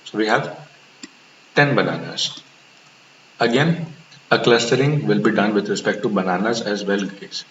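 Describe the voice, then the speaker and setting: A man with a fairly low voice lectures in a classroom style, asking himself rhetorical questions and repeating key points. The recording is dull and lo-fi with a faint hiss, and the room echoes. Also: normal speed, long pauses, fairly bright tone. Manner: explains step by step with rhetorical questions and repetition. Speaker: instructor.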